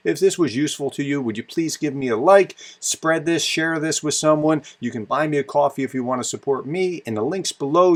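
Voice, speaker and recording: A man hosting a channel who comments on news clips in a sarcastic, exasperated way. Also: mid-range voice.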